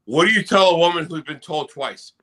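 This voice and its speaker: A man's voice: a little high, brisk, crowd noise. A man on a comedy podcast, telling crude jokes and rambling in loose, casual banter.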